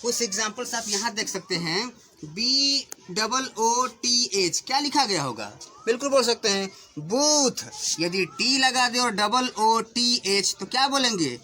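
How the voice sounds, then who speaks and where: A man's voice: very high-pitched, lively intonation, moderate pace, sharp tone, faint music behind. A man teaching children English pronunciation in a patient classroom lesson, asking questions and stressing each example word.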